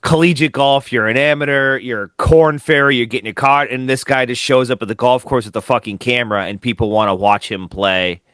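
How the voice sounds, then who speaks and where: A man in a casual podcast chat who speaks bluntly and drops curse words freely. His voice is dry, close and free of room echo. His pitch is average for a man. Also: steady tone, a little fast, hardly any pauses, a bit bright, clear, resonant tone. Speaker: podcast co-host.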